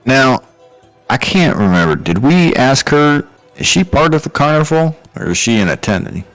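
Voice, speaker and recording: A man chats casually as a player in a tabletop role-playing game, very animated and at a moderate pace. His medium-pitched voice has a fairly bright tone, with soft music playing in the background.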